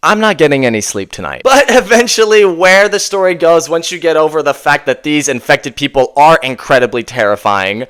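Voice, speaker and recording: A man's voice: on the high side, a bit bright, smooth. A man in his twenties reviewing a movie casually, enthusiastic and rambling with lots of fillers. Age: 20s.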